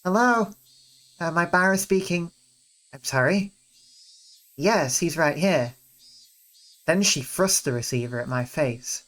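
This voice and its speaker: A reader voicing a hurried middle-aged mother in a visual novel, polite but brisk and slightly raised in pitch. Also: animated, fairly bright tone. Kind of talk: reading a visual novel aloud.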